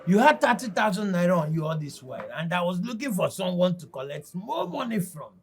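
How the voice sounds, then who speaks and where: A man's voice: sits high, very animated, fairly quick, slightly rough, soft background music, heavily acted. An actor playing a friend with a Nigerian accent who scolds a man harshly for giving his money away. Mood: scolding. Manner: scolding, exclaiming.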